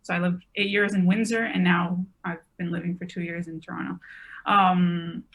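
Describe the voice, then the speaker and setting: A podcast guest in her twenties talks casually, rambling a little in a chatty way and filling her speech with lots of "like." Her voice is lowish, fairly bright in tone, flat in delivery and at a normal speed.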